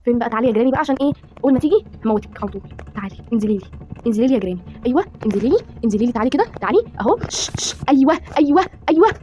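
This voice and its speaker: Fast-talking Egyptian woman gamer. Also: a little high. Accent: Egyptian Arabic. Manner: excitable, dramatic exclamations to viewers. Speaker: gaming streamer. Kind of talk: horror game commentary.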